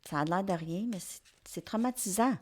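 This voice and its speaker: Speaking with a Québécois French accent, a woman reads tarot cards for her viewers, hesitant and prone to fillers and restarts. Her mid-range voice has a darkish tone and a moderate pace.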